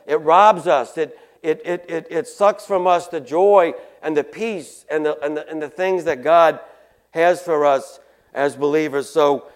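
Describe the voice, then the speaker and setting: High-voiced preacher man, earnest, stammering. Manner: earnest, repeats words and restarts often; reads scripture louder and slower. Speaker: pastor. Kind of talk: sermon.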